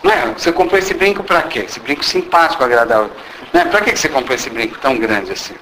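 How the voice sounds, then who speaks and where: A man's voice: mid-range voice, lively intonation, fast talker, pushed and bright. A man with a Brazilian Portuguese accent giving an informal spiritual lecture, teasing and questioning the audience and acting out little dialogues. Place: meeting hall. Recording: roomy hall with background noise.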